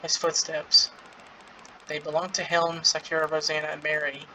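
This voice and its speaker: Bright forceful voice, casual game commentary, reading lines aloud, giggly, faint noise behind. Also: mid-range voice, completely flat delivery, normal speed, low-quality recording. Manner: giggly, reacting with amusement while reading. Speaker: gaming content creator playing through a story event.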